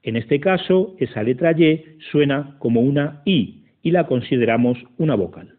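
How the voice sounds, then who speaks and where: A man reading a scripted lesson in a slow, methodical way, counting syllables aloud. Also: mid-range voice, lively intonation. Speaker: teacher. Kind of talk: scripted educational narration. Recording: tinny phone-like audio.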